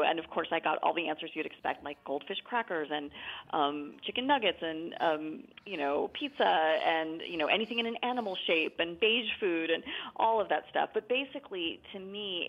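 Gravelly low-voiced woman author over a phone line. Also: fairly quick. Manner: chatty, explanatory, frequent fillers. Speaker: author guest. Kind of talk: conversational interview.

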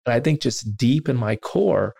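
A man hosting an interview, telling a personal story in an earnest, self-deprecating way, with animated quoted asides. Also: medium pitch, moderate pace, creaky, slightly rough, no room sound. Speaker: interviewer and podcast host.

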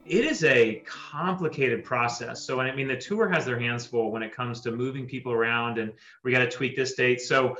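A man, a tournament director, telling stories in an interview with lots of fillers and animated asides. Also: mid-range voice, moderate pace, hardly any pauses, roomy sound, muffled recording, faint music behind. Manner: chatty, animated storytelling with fillers. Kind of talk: interview soundbites.

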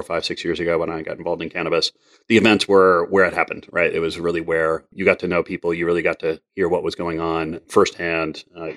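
A man's voice: deep voice, a bit bright. A man hosting an interview podcast, rambling and full of fillers as he introduces his guest and asks questions. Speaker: podcast host. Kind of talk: interview conversation.

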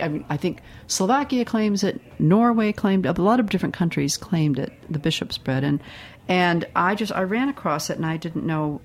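A woman with a very low, gravelly voice hosts a studio talk show. She prompts her guests in a chatty way and often trails off while searching for a word. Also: a little mellow. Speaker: show host. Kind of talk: casual studio conversation. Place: radio studio.

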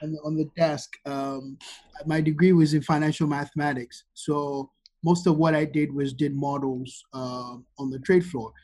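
A man's voice: fairly high pitch, fairly even intonation, a little slow, a little mellow. A man, the guest on a podcast interview, telling his story at length with frequent ums and uhs. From Ghana. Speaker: guest, wine expert.

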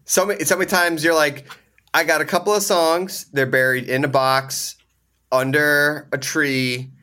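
A man's voice: fairly high pitch, steady tone, normal speed, bright, forceful tone. A man hosting a casual interview, upbeat and eager, asking long winding questions. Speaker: interview host.

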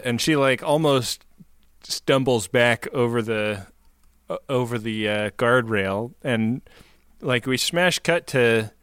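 A man's voice: mid-range voice, fairly bright tone, smooth, no room sound, studio quality. A man co-hosting a podcast, chatting casually and jokingly about a TV episode, laughing often. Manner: joking, laughs often, retells scenes with playful voices. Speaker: podcast co-host. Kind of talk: casual chat recapping a TV episode.

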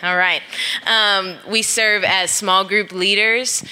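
A woman born in the Philippines and raised in Orlando, moderating a church conference panel in a relaxed, friendly way. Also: medium pitch, slow pace, clear, resonant tone. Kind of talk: casual panel introduction.

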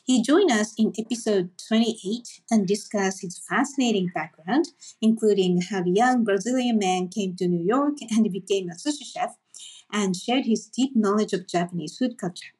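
A woman's voice: mid-range voice, normal speed, slightly rough. A woman hosting a food podcast, reading a prepared introduction and then asking her guest questions. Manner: steady, reads a prepared introduction, then asks short questions. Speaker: podcast host.

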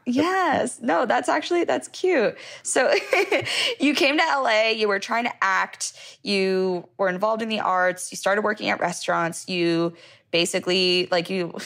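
A woman's voice: medium pitch, measured pace, vocal fry, fairly bright tone. A woman hosting a casual interview over a video call, upbeat and giggly, saying "like" a lot. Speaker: host.

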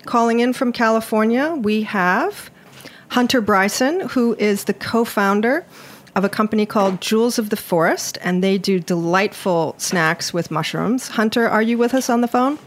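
A woman's voice: mid-range voice, normal speed, slight background noise. A woman hosting a live radio interview show, addressing listeners and guests from a small studio. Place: small broadcast studio in a shipping container.

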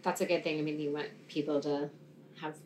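A woman's voice: low-pitched, flat delivery, brisk, darkish tone. A woman hosting an interview, asking questions and affirming her guests in a conversational way. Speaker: podcast host. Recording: echoey room with faint noise.

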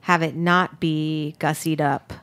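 A woman's voice: low voice, little pitch movement, slow, fairly bright tone, clear, resonant tone. A woman hosting a podcast interview, talking in a rambling, hesitant way with many restarts. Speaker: podcast host, food business owner. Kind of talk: casual interview chat.

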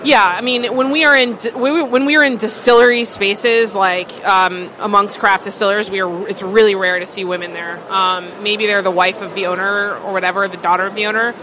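A woman's voice: medium pitch, steady tone, a little fast, few pauses, sharp tone. A woman who co-owns a distillery, answering interview questions in a casual, filler-heavy way at a busy food market. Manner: chatty, full of "like" and "um" fillers. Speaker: distillery co-owner. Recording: noisy market background.

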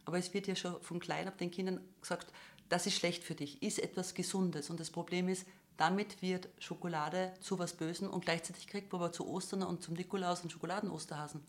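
A woman. She explains her views on the body at length and in an earnest tone, in a relaxed conversation. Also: lowish voice, fast talker. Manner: explains at length, quotes parents and children in asides. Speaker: guest expert on body image and eating.

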